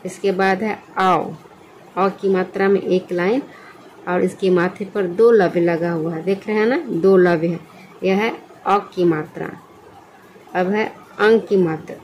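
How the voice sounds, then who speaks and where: A woman's voice: mid-range voice, a little mellow, a little hiss or hum, low-quality recording. A woman teaching a basic reading lesson, asking herself questions and answering them. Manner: slow, asks and answers her own questions. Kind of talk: slow children's lesson.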